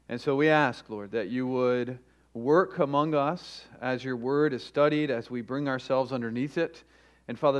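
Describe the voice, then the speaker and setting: A pastor preaching in a church sanctuary at a pulpit microphone. He speaks deliberately and slows down to stress repeated phrases. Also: mid-range voice. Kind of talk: sermon with opening prayer. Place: church sanctuary during a service.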